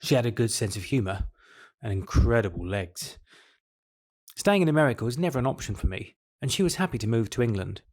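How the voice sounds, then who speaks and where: A man with a mid-range, darkish voice talks fairly quickly and animatedly, lightly acting in an audio drama. He plays a resigned, patient middle-aged husband and father, delivering confessional monologue and dialogue in a weary, matter-of-fact way.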